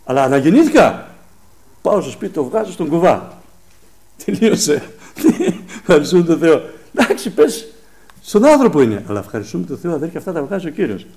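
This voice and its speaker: A man with a Pontic Greek accent gives a testimony sermon at a church service. His voice sits a little high and leaps up and down as he acts out both sides of old conversations. He keeps breaking off to thank God. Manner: animated storytelling, acts out dialogue; repeats thanks to God often. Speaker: preacher.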